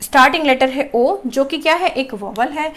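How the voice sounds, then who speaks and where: High-voiced woman teaching grammar. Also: normal speed, fairly bright tone. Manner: asks questions and answers them herself; addresses viewers as children. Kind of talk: classroom grammar lesson.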